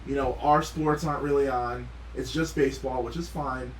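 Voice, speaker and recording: A man's voice: medium pitch, fairly even intonation, moderate pace. Rambling man in an echoey room. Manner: rambling, amused, asks lots of questions. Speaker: podcast co-host. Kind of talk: casual sports chat. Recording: echoey room with faint noise.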